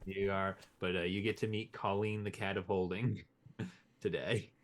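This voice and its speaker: A man's voice: low voice, flat delivery, a little slow. A man running a tabletop game as game master, playful and teasing, laughing often.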